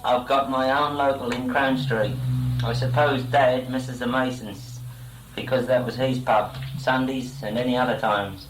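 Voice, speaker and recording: A man's voice: mid-range voice, fairly even intonation, measured pace. A young man speaking a message to relatives in a stiff, formal, self-conscious way. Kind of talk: recorded spoken letter to relatives. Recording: echoey amateur tape, faint noise.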